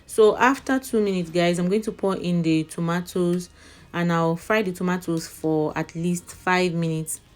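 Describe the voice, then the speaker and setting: Casting: woman, slightly low voice, chatty cooking vlogger talking viewers through steps. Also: fairly even intonation, normal speed. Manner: chatty, addresses viewers as "you guys" often. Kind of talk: casual recipe narration.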